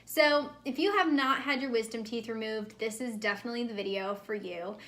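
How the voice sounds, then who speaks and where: Speaking briskly to camera, a young American pregnancy-prep vlogger hands out casual advice, repeating key points for emphasis. Her fairly bright voice sits on the high side, and a swollen mouth slightly affects her speech.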